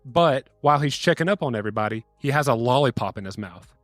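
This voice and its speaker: A man's voice: mid-range voice, lively intonation, fast, no echo, soft background music. A man telling long story jokes on a podcast, acting out the characters' lines as he goes.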